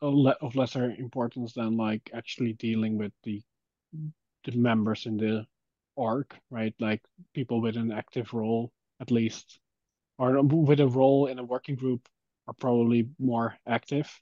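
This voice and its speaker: This man's voice is medium in pitch and level in tone at a normal speed, captured without echo on dry, dull call audio. He's in a casual online work discussion, speaking informally and reasoning out loud as he lays out his view.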